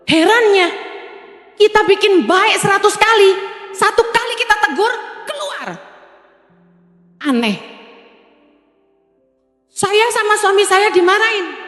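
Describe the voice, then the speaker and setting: A woman's voice: high-pitched, a bit bright. A woman pastor preaching a sermon in a blunt, stern, teasing way, recorded in a church hall. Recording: echoey hall with music behind.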